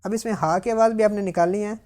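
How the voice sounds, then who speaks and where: A woman teaching Quran reading, sounding out syllables slowly and loudly, then explaining quickly in between. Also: mid-range voice, steady tone. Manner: drawn-out loud syllables alternating with quick explanations. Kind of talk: slow syllable-by-syllable recitation drill with explanations. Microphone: mic.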